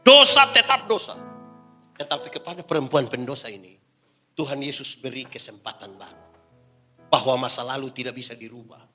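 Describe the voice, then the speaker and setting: A man preaching as a pastor, throwing loud questions at the congregation and dropping to quiet asides. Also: medium pitch, fairly quick. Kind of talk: sermon. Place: church hall. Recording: live sermon in a large reverberant church hall with faint music.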